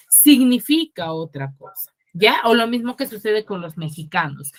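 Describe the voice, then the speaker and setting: Speaking with a Huaraz Peruvian Spanish accent, this woman is a secondary school teacher from Peru leading an online class on a video call. Her voice is medium-pitched with a fairly bright tone. She repeatedly checks in using tag questions and addresses students by name.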